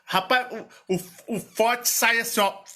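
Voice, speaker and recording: A man from Minas Gerais with a Minas Gerais accent, hosting a casual chat in an animated, playful, rambling way. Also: very high voice, measured pace. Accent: Minas Gerais Portuguese. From Minas Gerais, Brazil. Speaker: channel host.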